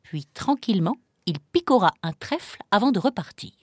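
A woman narrating a children's story in a slow, gentle, clearly paced manner. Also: mid-range voice, very animated.

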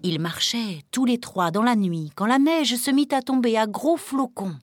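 A woman narrating a children's storybook in a gentle, expressive reading voice. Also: fairly high pitch, moderate pace.

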